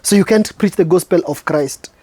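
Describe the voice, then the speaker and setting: High-voiced Kenyan man preaching. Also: dark tone, breathy edge, no room sound. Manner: preachy, emphatic, drawn-out slow stresses. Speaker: show host and spoken word artist. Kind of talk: reflective spoken-word monologue.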